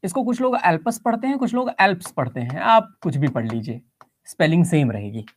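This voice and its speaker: A woman's voice: low voice, big pitch swings, a little fast, a little mellow, slight background noise. A woman teacher giving a geography lesson, explaining step by step, checking in with her students and mixing English phrases into her Hindi.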